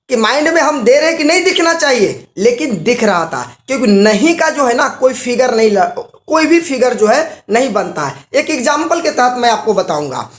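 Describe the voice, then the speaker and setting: A man's voice: very high-pitched, fairly bright tone, echoey room. A man giving a live motivational seminar talk, quizzing the audience with rhetorical questions and telling stories with acted-out examples. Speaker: motivational business trainer.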